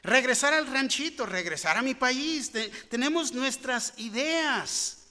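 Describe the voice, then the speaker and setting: A man's voice: very high voice, lively intonation, measured pace, pushed and bright. A man preaching a sermon, earnest and rising into fervent pleading. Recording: long hall reverb.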